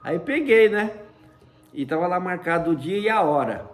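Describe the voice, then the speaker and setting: A man's voice: high voice, expressive, moderate pace. Chatty man telling a personal story. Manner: chatty, fills with frequent "né?"; uses many fond diminutives. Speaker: storyteller recounting a personal experience. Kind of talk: casual spoken personal story.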